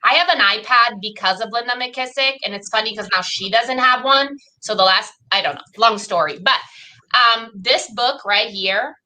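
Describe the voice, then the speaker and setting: A woman's voice: a little high, normal speed, sharp tone, low-quality recording. A woman with an Italian accent, a podcast guest talking in a chatty, rambling, enthusiastic way. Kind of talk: casual chat.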